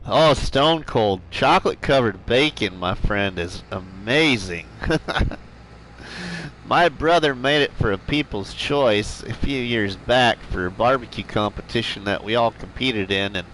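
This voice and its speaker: A man's voice: on the low side, measured pace, a bit bright, a little hiss or hum, low-quality recording. A middle-aged man streaming a farming game live, chatting and joking with viewers and laughing often. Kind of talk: live gameplay chat with viewers.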